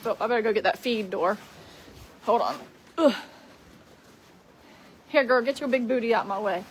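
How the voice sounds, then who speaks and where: A woman's voice: fairly high pitch, moderate pace, slight background noise. A woman chatting casually on a farm livestream and talking to her animals in a sing-song voice. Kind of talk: casual livestream chat while doing chores. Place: outdoors on a farm and in a barn.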